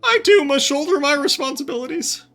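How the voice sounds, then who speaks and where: A woman's voice: high voice, fairly quick, a bit bright, faint music behind, pitched above the performer's own voice. A woman voicing a nervous young male scholar who stammers and talks jittery in a game voice reading. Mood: flustered.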